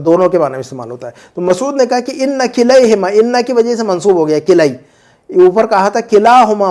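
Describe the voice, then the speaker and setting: A man teaching an Arabic grammar lesson, repeating word forms slowly and checking in with listeners as he explains. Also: high voice, darkish tone. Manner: frequent "hai na" checks with listeners.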